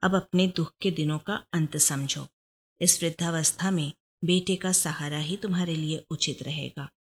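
A humble, kindly old man, as a woman storyteller puts him on. He speaks low, soft and slow. His tone is tender and warm-hearted. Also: steady tone. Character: aged poor kindly old man, gentle.

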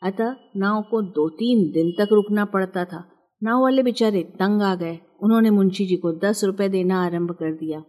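Mellow, husky woman telling a story. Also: medium pitch. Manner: measured, clear storytelling. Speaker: narrator. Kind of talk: scripted storybook narration.

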